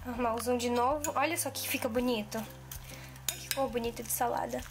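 Fairly quick and steady in tone, this woman's voice is on the high side. She's a cooking vlogger in her twenties, chatting casually in her home kitchen with plenty of fillers and restarted sentences. The arm's-length camera mic also catches background music and the sound of dishes.

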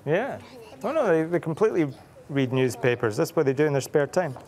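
Middle-aged author reading to kids; playful, animated, quizzes the audience. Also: male voice, on the high side, a little fast. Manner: playful, asks children many questions. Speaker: author and illustrator reading to children. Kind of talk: reading aloud to children.

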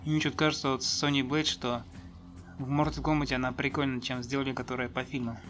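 Guy doing casual game review, bright voice, kinda rambling and hesitant, some music under it. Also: medium pitch, little pitch movement, fast talker. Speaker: gaming video host.

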